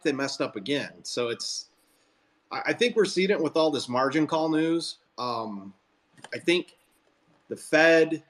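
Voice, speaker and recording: Casting: male call host, mid pitch, rambling opinions, chatty and casual. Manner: rambling, self-interrupting, opinionated. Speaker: host of a Twitter Spaces call. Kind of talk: casual group call chat.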